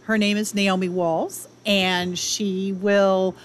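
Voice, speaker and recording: A woman's voice: medium pitch, level tone, slow. Female interview guest, mid-range voice; conversational, emphatic explainer, audible noise behind. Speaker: ranch development director, radio guest. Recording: clear background noise.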